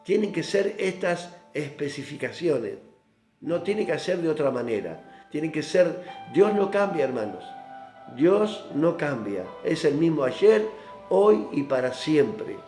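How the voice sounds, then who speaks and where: A man preaching a devotional sermon, reading scripture slowly and stressing points to the brethren. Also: a little high, very animated, warm tone. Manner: reads scripture slowly, drawn out, with emphatic asides to the brethren. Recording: roomy echo with faint instrumental music. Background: faint instrumental music.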